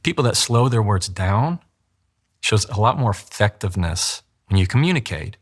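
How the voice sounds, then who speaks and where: A man with a somewhat low voice speaks as an attorney coaching people on how to communicate. He explains his points in an interview, slipping into examples and acting out how other people talk. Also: animated, moderate pace. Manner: acts out quoted voices, demonstrates pacing.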